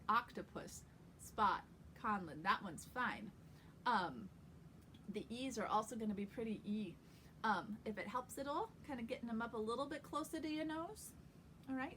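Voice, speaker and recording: A woman's voice: fairly high pitch, moderate pace, bright, forceful tone, a little hiss or hum, poor audio. A woman giving a casual accent lesson as an acting coach, chatting and demonstrating vowel and consonant sounds aloud.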